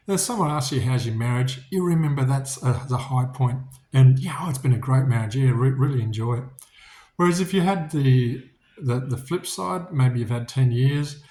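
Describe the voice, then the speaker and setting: A man's voice: medium pitch, dark tone, roomy sound. A man giving a casual, reflective talk about faith and business, speaking informally and often restarting his sentences. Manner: informal, many restarts, storytelling.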